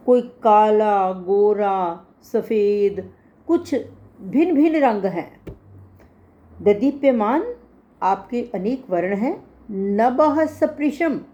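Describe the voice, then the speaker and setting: Slow-speaking woman teaching verse recitation. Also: mid-range voice, warm tone, dull audio. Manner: chants Sanskrit verses slowly, then explains pronunciation and meaning. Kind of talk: slow recitation lesson with explanations.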